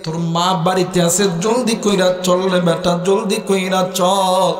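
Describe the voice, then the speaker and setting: Sorrowful old father, slow coaxing urging, echoey hall, put on by a male preacher. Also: high voice, fairly even intonation, recorded from a distance. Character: sorrowful old father hiding his wife's death. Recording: echoey hall with faint music.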